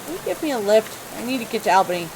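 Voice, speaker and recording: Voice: medium pitch, very animated, rapid-fire, background noise. A let's-play narrator voicing a listless, gloomy young woman hitchhiker in a video game, with rain pattering behind.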